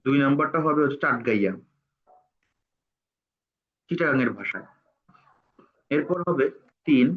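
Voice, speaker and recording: An instructor records a screen tutorial in a medium-pitched, slightly rough voice, halting as he dictates word by word while typing. The sound is tinny, like a phone.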